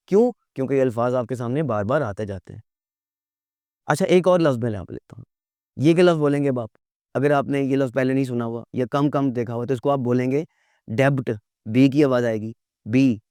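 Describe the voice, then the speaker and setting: A man teaching a lecture, asking rhetorical questions and answering them himself, spelling words out slowly letter by letter. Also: mid-range voice, warm tone, dry recording, studio quality.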